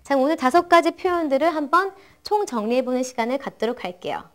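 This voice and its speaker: A young woman teaching math phrases, saying each practice sentence slowly and carefully, and asking and answering her own questions in an encouraging way. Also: high-pitched, animated. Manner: slow, careful English model sentences between quick explanations. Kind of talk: bilingual language lesson.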